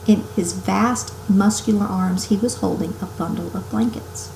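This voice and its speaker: Female read-aloud narrator, mid-range voice, expressive storytelling for children, recorded in a reverberant home room. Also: mid-range voice, normal speed, vocal fry. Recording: roomy home recording with faint noise.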